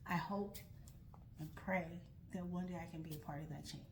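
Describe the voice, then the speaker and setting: A young American woman, a vlogger launching a nonprofit, talks earnestly and reflectively to her viewers, frequently restarting sentences. Her voice sits on the low side with a steady tone and normal pacing, over slight background noise.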